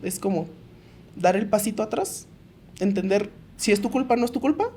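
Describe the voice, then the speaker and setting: A young adult woman with a Mexican accent, co-hosting a podcast and giving calm, practical advice in casual chat. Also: medium pitch, normal speed, slight background noise. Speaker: podcast co-host.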